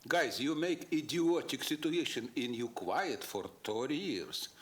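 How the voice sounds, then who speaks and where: A man's voice: mid-range voice, lively intonation, unhurried, a bit bright. A man gives a combative public comment in broken, English, throwing out rhetorical questions. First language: not English. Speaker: public commenter at a council meeting.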